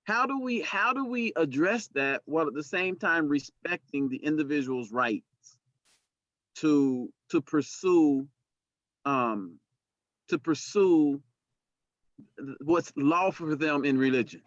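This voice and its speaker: A man's voice: a little high, animated, slow pace, long pauses, dry recording. A middle-aged man moderating a panel over a video call, earnest and repeating words as he builds his point. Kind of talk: panel discussion. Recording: dry, dull video call audio.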